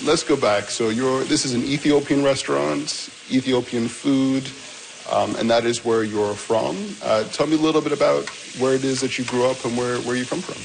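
A male radio host with a gravelly edge to his voice introduces a food segment and then interviews a guest in an easy, conversational way. His questions come at an ordinary middle pitch. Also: steady tone, moderate pace, slight background noise.

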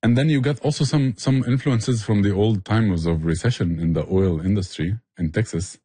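A barbecue restaurant owner and chef, appearing as an interview guest, explains things with passion in a conversational way. His lowish voice is warm and husky at a moderate pace, and the recording is dry.

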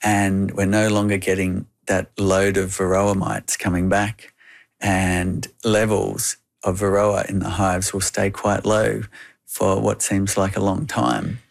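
Creaky, even-toned Australian man. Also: low voice, takes it slowly. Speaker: interview guest, beekeeper. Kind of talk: explanatory interview talk.

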